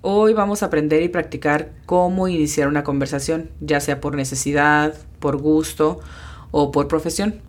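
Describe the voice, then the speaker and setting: A woman hosting a bilingual language lesson, explaining pronunciation patiently and step by step, slowing down to spell out sounds. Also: deep voice, fairly even intonation. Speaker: English teacher hosting a lesson podcast.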